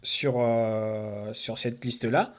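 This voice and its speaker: A man co-hosting a football podcast, reading out a squad list with many hesitant filler pauses. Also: medium pitch, steady tone. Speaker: podcast co-host. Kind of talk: casual sports podcast talk.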